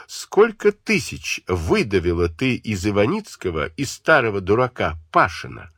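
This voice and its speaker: A man's voice: lowish voice, a bit bright, slightly rough, no room sound, clean studio sound, exaggerated voice. A man reading an audiobook and voicing a defiant young woman who hurls scornful accusations at her relatives. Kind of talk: audiobook character voice.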